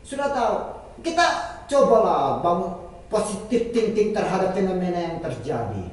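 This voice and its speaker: A man playing a calm, hesitant debate guest. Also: sits high. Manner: measured, hesitant, restarts often. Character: calm male guest defending the government. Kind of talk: staged TV debate role-play. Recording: very echoey room, mic far off.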